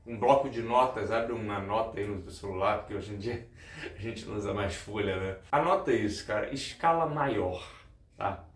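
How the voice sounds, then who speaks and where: A man's voice: fairly low pitch, moderate pace. A male music teacher giving a guitar lesson, explaining step by step, repeating key points and speaking straight to his viewers. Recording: roomy, with guitar playing.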